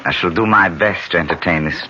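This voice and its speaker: An actor playing a courtly, aristocratic foreign vampire count in a 1970s radio drama, with a formal, measured manner. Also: male voice, sits low, natural voice. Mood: suavely polite. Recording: muffled, slightly noisy 1970s radio broadcast.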